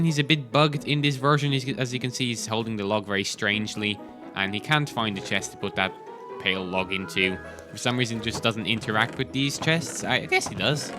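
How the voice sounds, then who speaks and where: A man hosting gameplay commentary, chatty and enthusiastic, talking while chewing gum. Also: medium pitch. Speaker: host.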